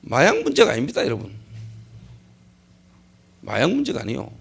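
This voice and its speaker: A man's voice: mid-range voice, huge pitch swings, moderate pace, creaky, breathy edge. A middle-aged male pastor preaching a sermon at a church service. He keeps posing rhetorical questions, answers them himself, and repeats key phrases for emphasis.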